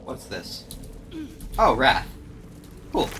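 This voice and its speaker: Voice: mid-range voice, wildly swooping pitch, very slow, fairly bright tone, a little hiss or hum. A streamer giving wry, self-mocking running commentary while playing a game live. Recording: game music playing underneath. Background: game music and sound effects.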